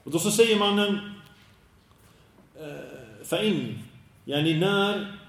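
A man giving a slow, deliberate religious lesson in Swedish, dropping Arabic phrases in as he teaches. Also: a little high, animated, gravelly, fairly bright tone. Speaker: preacher. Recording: very echoey room, voice from a distance.

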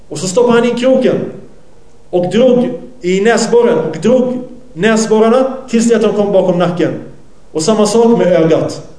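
Retelling a hadith during a sermon, this preacher translates as he speaks and fixes his own slips along the way. His voice is high and mellow, heard through a roomy, rough recording.

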